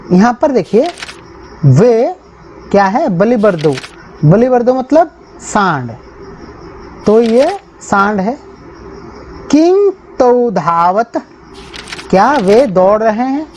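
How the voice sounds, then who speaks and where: A woman's voice: mid-range voice, mellow, slight background noise. A woman teacher explaining a textbook lesson, reading each phrase aloud and then translating it word by word.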